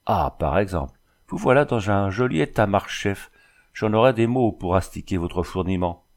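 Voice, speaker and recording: A man's voice: fairly low pitch, animated, moderate pace. A man reading a boastful, fussy French army dragoon in an audiobook, raising his voice for the role. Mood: fawning. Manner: fussy, keeps repeating a title.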